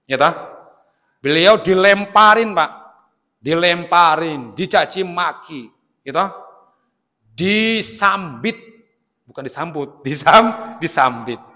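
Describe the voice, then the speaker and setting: Male preacher with a Javanese-inflected accent, slow and bright-voiced, jokey sermon with call-and-response tags, long hall echo. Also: on the high side, animated. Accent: Javanese-inflected Indonesian. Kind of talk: mosque sermon. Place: mosque hall.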